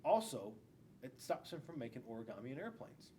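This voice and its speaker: A middle-aged man who works as a school police officer reads a picture book to young children in a classroom, stressing key words and tossing in asides. His medium-pitched voice is mellow, brisk and very animated, with slight background noise.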